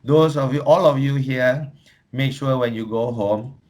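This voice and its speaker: A man's voice: mid-range voice, unhurried, darkish tone. Man, Malaysian English accent, workshop presenter, humorous storytelling, mixes in Malay. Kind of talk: lively teaching talk.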